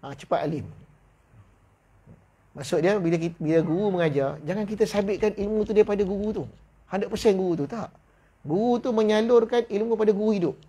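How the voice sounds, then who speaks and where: A man with a Malaysian Malay accent giving a religious lecture in a mosque hall, reading slowly from a book and then explaining in brisk, casual speech. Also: high-pitched, warm tone, breathy edge. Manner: slow deliberate reading of kitab passages, then brisk colloquial explanation with laughs; acts out voices in quoted stories. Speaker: religious teacher.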